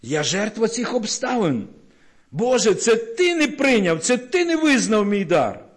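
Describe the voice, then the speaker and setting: A man's voice: sits high, sing-song, a little slow, voice pushed up, exaggerated voice. A man voicing the biblical Cain as a bitter, rebellious man crying out that he is a victim. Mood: aggrieved. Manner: aggrieved shouting complaints.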